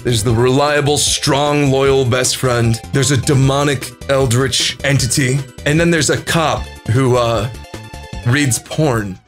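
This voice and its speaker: A man telling a casual, comedic, self-deprecating story as a voice actor and video host, with animated delivery. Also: mid-range voice. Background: background music.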